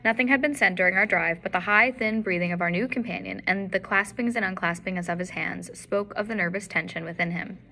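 A woman's voice: brisk, few pauses, sharp tone, low-quality recording. A woman reading a classic detective story aloud as a narrator. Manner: reads all the characters herself, shifting pitch for each. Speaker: audiobook narrator.

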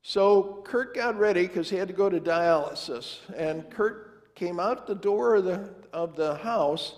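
An older man preaches in a high, unhurried voice, spinning a family story in a folksy, conversational style and acting out what people said. It's a storytelling sermon given before the altar of a large church sanctuary, heard through long church reverb.

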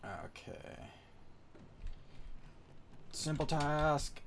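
A man's voice: fairly high pitch, animated, extremely slow, creaky, fairly bright tone, a little hiss or hum. A man giving casual, joking commentary while playing a video game. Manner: joking, chatty, reacts to the game. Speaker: gamer playing through a game.

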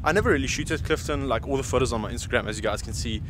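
Walking a crowded city street with a handheld camera at arm's length, a photographer in his thirties vlogs in South African English. His medium-pitched voice comes out rapid-fire, yet his casual chatter stays easygoing. Heavy traffic noise runs underneath.

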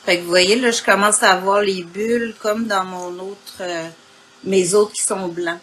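A woman with a Quebec French accent and a husky morning voice, informally demonstrating an art technique and often clearing her throat. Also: medium pitch, steady tone, a little slow, a bit bright, low-quality recording. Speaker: craft instructor. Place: indoor craft worktable.

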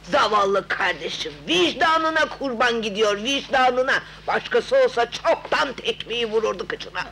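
An actress playing a spiteful, nagging aunt who scolds sharply, in a 1970s dubbed film. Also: female voice, a little high, lively intonation, a little slow, creaky, hardly any pauses, fairly bright tone, a little hiss or hum, heavily acted, rough recording. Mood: scolding.

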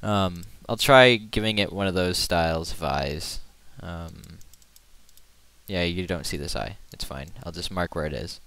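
Low, bright-voiced man narrating his drawing. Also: unhurried, dry recording. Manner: rambling and self-deprecating, hums to himself while working. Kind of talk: casual screen-recorded drawing commentary.

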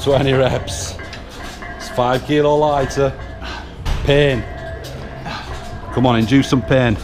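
Filming in a large gym with music playing, a northern English man coaches by barking short commands and counting reps. He takes it slowly, his medium-pitched voice steady.

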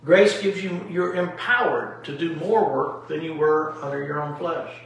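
A man's voice: on the high side, unhurried, creaky, fairly bright tone. A male pastor teaching a Bible study at home with emphatic rhetorical questions, recorded in an echoey room from a distance. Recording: echoey room from far off, faint noise.

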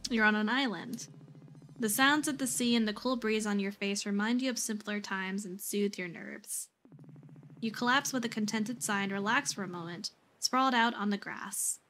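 A woman streamer calmly narrating a role-playing game out loud. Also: medium pitch, moderate pace, soft background music.

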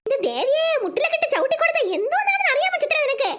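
A woman's voice: very high-pitched, big pitch swings, rapid-fire, fairly bright tone, full character voice. A woman voicing a fussing, flustered grandmother in a cartoon who keeps calling on God. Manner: exclaiming, fretful. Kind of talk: cartoon voice acting.

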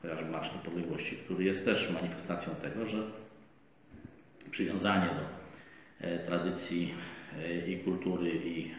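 A middle-aged man giving measured political commentary as a guest at a studio table, talking in a deliberate, lecturing way with frequent drawn-out hesitations. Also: low voice, fairly even intonation. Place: bright indoor studio set at a table. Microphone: table microphone on a stand, camera framed wide. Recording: echoey, roomy, slightly dull, faint hiss.

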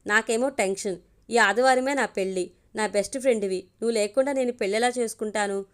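A fretful young groom pleads with his closest friend in a storybook reading, as a woman reads his lines. The voice sits a little high and stays close to the reader's own. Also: fairly quick, natural voice. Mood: anxious.

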